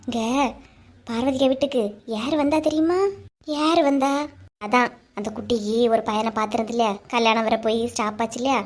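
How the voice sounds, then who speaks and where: A woman voicing a scheming village gossip who talks in a hushed, conspiratorial way, with a Kanyakumari Tamil accent, for a cartoon story. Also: steady tone, fairly quick, pauses often, close to an everyday voice. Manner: hushed, conspiratorial, lower than her other voices.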